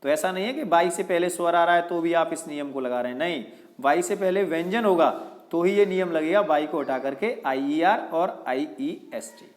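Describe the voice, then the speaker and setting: A man's voice: fairly high pitch, fairly quick. A male teacher giving a step-by-step grammar lesson, often asking a question and answering it himself.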